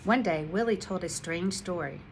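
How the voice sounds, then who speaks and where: A woman, an instructional coach, reading a children's picture book aloud in an expressive, animated way. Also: on the low side, normal speed, slight background noise, rough recording.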